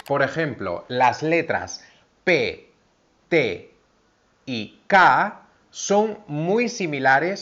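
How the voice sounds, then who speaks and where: A man's voice: fairly high pitch, fairly bright tone, highs cut off. A man teaching pronunciation, carefully spelling out sounds and example words. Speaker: language teacher. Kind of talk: slow, clear pronunciation lesson.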